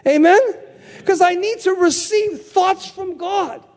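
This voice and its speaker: This older preacher's voice is extremely high in pitch yet darkish in tone, and he speaks slowly. His sermon uses call-and-response, with key phrases repeated for emphasis and questions called out for the congregation to answer.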